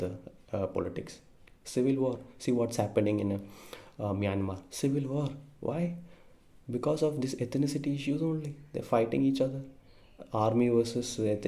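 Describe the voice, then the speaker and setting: A man's voice: lowish voice, dark tone. A young Indian man with an Indian English accent, giving an earnest, emphatic opinion monologue to camera with frequent fillers and self-corrections. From India (Kerala). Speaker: vlogger.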